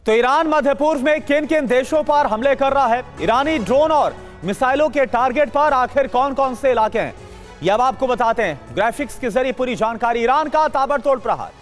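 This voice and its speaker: A woman's voice: sits high, lively intonation, moderate pace, soft background music. A woman anchoring a live television news broadcast, reading breaking updates and putting questions to guests.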